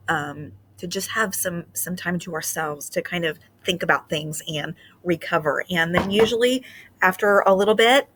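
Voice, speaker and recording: Using a lowish voice, a woman teacher patiently and gently covers reading ideas for children, with many fillers along the way, and follows with an expressive picture book read-aloud.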